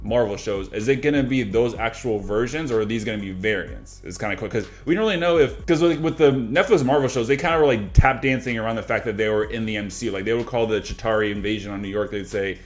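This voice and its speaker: A man with a lowish voice rattles off his thoughts at high speed. He talks in a loose, casual way, swearing here and there and mimicking lines he remembers. Faint music plays under his talk. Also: quick pace, hardly any pauses. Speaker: reaction channel co-host. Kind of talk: casual reaction chat.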